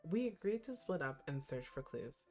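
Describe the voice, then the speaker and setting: An expressive, playful woman doing casual, slangy reaction commentary and reading game text aloud. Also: deep voice, moderate pace, soft background music. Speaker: reaction host.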